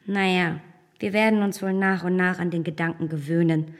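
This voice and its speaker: A woman playing Emma, a self-assured and easily indignant young gentlewoman, in a radio drama of a literary classic, speaking formally and emphatically. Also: fairly low pitch, level tone, normal speed, big-room sound, lightly acted. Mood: bitter, scornful.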